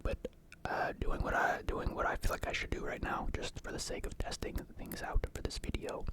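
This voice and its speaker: A young man whispering in a casual, halting, rambling ASMR style, close to the microphone. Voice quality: whispered, unvoiced. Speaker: ASMR mukbang creator. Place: indoor room at home.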